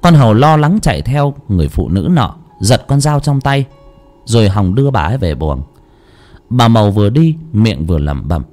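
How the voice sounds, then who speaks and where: A man's voice: fairly low pitch, big pitch swings, moderate pace, darkish tone, soft background music. A man narrating a lurid village horror story. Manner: dramatic, lurid.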